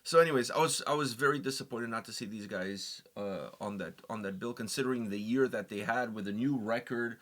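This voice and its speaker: A young man co-hosting a music reaction show, chatting casually and ranting with animated, jokey energy. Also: mid-range voice, brisk, few pauses. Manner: rambling, animated, jokey rants. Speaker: reaction channel co-host. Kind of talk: casual chat.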